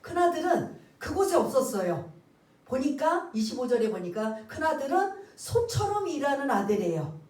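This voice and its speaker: A woman's voice: high-pitched, a little mellow. A woman pastor preaching a sermon, asking the congregation questions and acting out the characters' words. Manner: asks the congregation questions and waits for answers; acts out the characters' words in quotes. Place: church sanctuary. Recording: roomy church sound, voice heard from a distance.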